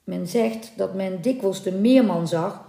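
Slow, measured woman storyteller. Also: medium pitch, creaky. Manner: calm, measured, dramatic reading. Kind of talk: storybook narration of a folk legend. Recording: roomy echoing room.

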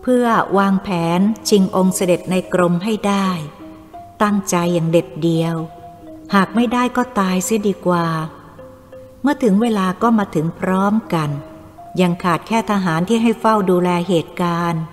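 A woman reading a story aloud in an even, measured storytelling manner. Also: medium pitch. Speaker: audiobook narrator. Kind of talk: scripted story narration. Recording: long reverb with faint music.

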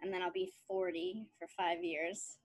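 On a casual podcast chat, a co-host in her thirties spins stories with giggly energy and frequent laughter. She speaks in a fairly low, husky voice with a steady tone and an unhurried pace, with no echo.

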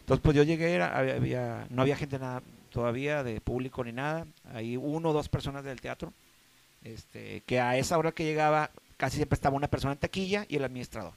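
A man's voice: medium pitch, fast talker, gravelly. Laid-back joking Mexican man. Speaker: actor. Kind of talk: casual chat.

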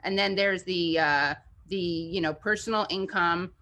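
A woman hosting a political discussion, talking in a chatty, animated way with many restarts. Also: on the low side, measured pace.

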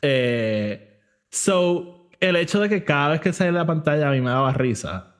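A man's voice: on the high side, lively intonation, moderate pace. A man hosting a casual movie chat, switching between Spanish and English mid-sentence. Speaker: podcast host.

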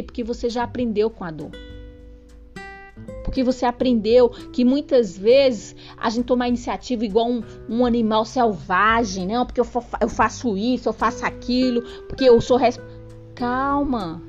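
Earnest high-voiced woman preaching. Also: darkish tone. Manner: earnest, preachy, speaks straight to the listener. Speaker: podcast host. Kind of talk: spiritual self-help talk. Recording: dull lo-fi sound with faint music.

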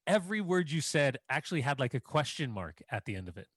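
Football podcast co-host, keen, lively pitch, dry sound. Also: male voice, fast, breathy edge, no echo. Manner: enthusiastic, laughs often. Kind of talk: casual football chat.

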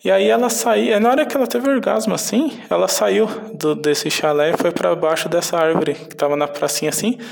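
A man's voice: sits high, fairly even intonation, fairly quick, gravelly, hardly any pauses. A man with a Brazilian Portuguese accent telling a story casually in a meandering, hesitant way.

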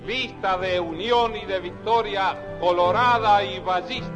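Slow, high-voiced male announcer reading a political ad, with loud music behind. He reads each slogan slowly and with emphasis. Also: lo-fi sound. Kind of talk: political radio ad.

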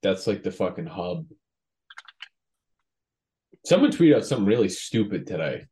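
Young man, low voice, casual podcast banter, joking storyteller, swears. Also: sing-song, moderate pace, dark tone. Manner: joking, swearing, acts out quotes. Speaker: podcast co-host. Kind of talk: casual chat.

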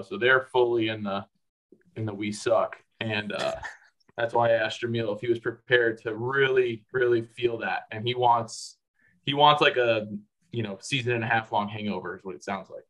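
A man's voice: fairly low pitch, fairly even intonation, moderate pace, fairly bright tone, rough recording. Chatty man from the Chicago suburbs. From Chicago suburbs, USA. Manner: rambling, lots of "like" and restarts. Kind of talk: casual chat.

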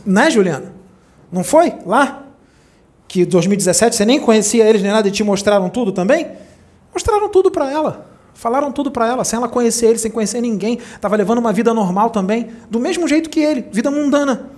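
Animated Rio-spiritual teacher. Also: quick pace. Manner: animated storyteller, acts out quoted voices with big pitch leaps. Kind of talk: spiritual talk to a small group.

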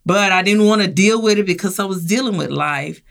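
Gravelly woman telling her story animatedly. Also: medium pitch, fairly quick. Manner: acts out quoted voices, laughs while telling. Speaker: guest sharing her experience.

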